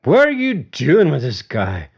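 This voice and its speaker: A man's voice: medium pitch, animated, slow pace, lo-fi sound, pitched above the performer's own voice. A man doing a slurring drunk ex-boyfriend, belligerent. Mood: slurring hostile. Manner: slurred, belligerent, half-shouting.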